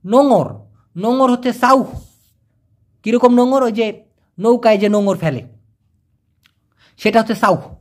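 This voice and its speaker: A man teaching vocabulary in a casual lesson, explaining each word with everyday examples and repeating pronunciations slowly. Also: very high voice. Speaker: language teacher.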